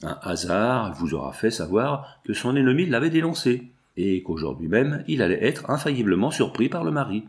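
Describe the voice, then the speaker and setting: A man's voice: medium pitch, big pitch swings, normal speed, few pauses. A man reading an audiobook, voicing a cold, accusing, vengeful middle-aged magistrate. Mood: stern.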